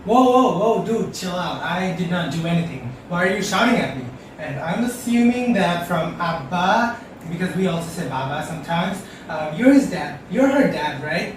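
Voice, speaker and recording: A slow, gushing, overly polite young foreigner, acted by a young man. His voice is fairly high and lively. It sounds far off in an echoey room. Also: a little hiss or hum, exaggerated voice.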